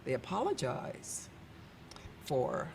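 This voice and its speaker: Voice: mid-range voice, huge pitch swings, slow pace, a little mellow. A person casually recalling past events in a hesitant, conversational way. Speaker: event emcee recalling ceremonies. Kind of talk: casual recollection. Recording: clearly noisy background.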